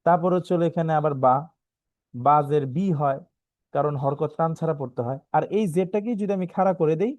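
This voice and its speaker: A man with a Bangladeshi Bengali accent teaches Quran reading in an online lesson, his voice pitched a little high and recorded dry and close. He spells out each letter and vowel sign slowly. He checks in with his students again and again. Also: darkish tone, dry recording. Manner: explains slowly, often asks "right?", spells letters out.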